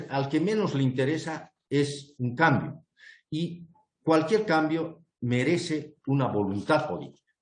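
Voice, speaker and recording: A man's voice: medium pitch, darkish tone. Earnest man in an echoey room. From Bolivia. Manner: earnest, argumentative, with many fillers and restarts. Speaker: guest speaker presenting a proposal. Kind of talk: online panel talk.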